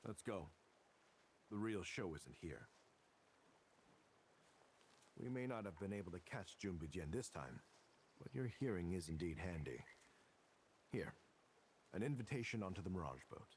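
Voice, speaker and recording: Deep-voiced, commanding martial arts schemer. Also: male voice, very animated, moderate pace, pauses often, a little mellow, a little hiss or hum. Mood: cool, assured. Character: composed, commanding man in a martial arts adventure. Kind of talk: scripted game voice acting.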